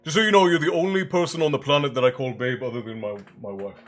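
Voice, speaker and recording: A livestream host jokes around casually and greets viewers by name, his mid-range voice quick and fairly even in intonation. He's still a bit congested and has a slight chesty cough. Soft music plays in the background.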